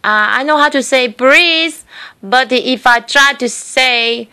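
A woman comedian voicing a chatty, giggly foreign woman in an accent-mimicry bit, talking in a high, sing-song way. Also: slow pace, sharp tone, clear, resonant tone, heavily acted. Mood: amused.

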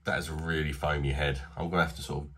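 Speaking fast with an extremely low pitch that barely moves, a man in his thirties with a British accent reviews a beer from a small home bar. His voice is a bit bright with a breathy edge, and his manner is casual, blunt, and self-deprecating.

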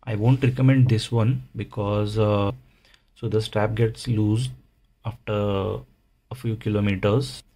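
A man giving a casual, unhurried how-to narration, explaining things plainly step by step. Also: lowish voice, fairly even intonation, mellow. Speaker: motovlogger, presenter.

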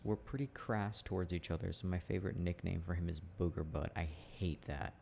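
A man voices a relaxed, teasing boyfriend in an intimate audio roleplay, chatting easily with his partner. His low voice carries a gravelly fry as he muses in a halting, casual way, chuckling as he goes. Some ambient noise can be heard behind him.

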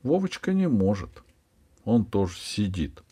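A man voicing a bossy, impatient schoolgirl in an audiobook, speaking in a brisk, scolding way. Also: fairly low pitch, big pitch swings, dark tone, slightly rough, heavily acted. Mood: curt. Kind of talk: audiobook character voice.

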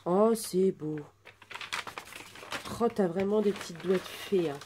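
A woman in her twenties chatting through an unboxing at home, gushing with soft exclamations. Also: medium pitch, slow, noisy background. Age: 20s. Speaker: vlogger unboxing a birthday gift. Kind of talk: casual unboxing chat.

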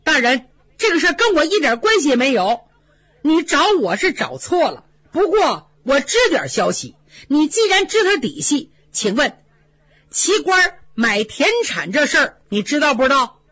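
A woman voicing a frightened young nobleman son who pleads and dodges in a high, nervous voice. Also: big pitch swings, moderate pace, a bit bright, no room sound, lo-fi sound. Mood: evasive.

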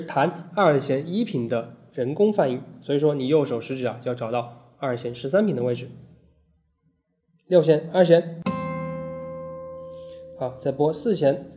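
Patient male guitar teacher, fairly high voice. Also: mellow. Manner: patient step-by-step instruction with frequent "hao" and "ai" fillers. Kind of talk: fingerstyle guitar lesson. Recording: guitar playing between phrases.

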